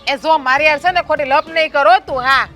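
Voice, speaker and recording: A woman playing a strict, sharp-tongued village sister-in-law who scolds bluntly. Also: high-pitched, a little fast, faint music behind. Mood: scolding. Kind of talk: family drama acting.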